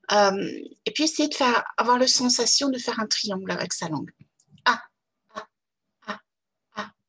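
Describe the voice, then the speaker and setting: Slow, breathy woman teaching pronunciation. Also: mid-range voice. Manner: slow, drawn-out repetitions of English words, with French explanations. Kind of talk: slow pronunciation lesson for children.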